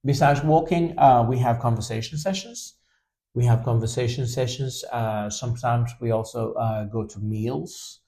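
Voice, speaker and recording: A man speaks in a gravelly, mellow voice. He talks hesitantly, with frequent ums and restarts. The sound is echoey, from a reverberant room. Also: mid-range voice, normal speed. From Honduras. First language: Spanish. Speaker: language teacher and co-host. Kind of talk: casual podcast chat.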